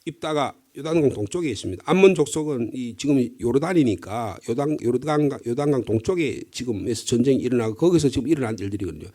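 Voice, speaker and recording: Lively, husky Korean pastor preaching. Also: male voice, medium pitch, quick pace, few pauses. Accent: Gyeongsang Korean. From Gyeongsang region, Korea. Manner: conversational, lively storytelling with acted quotes and rhetorical questions. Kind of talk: early-morning prayer sermon.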